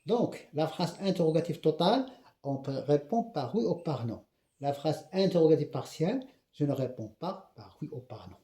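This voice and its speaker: A man with a Moroccan accent teaching a grammar lesson, repeating example questions slowly and often checking that the class has understood. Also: a little high, expressive, warm tone, roomy sound. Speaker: French teacher.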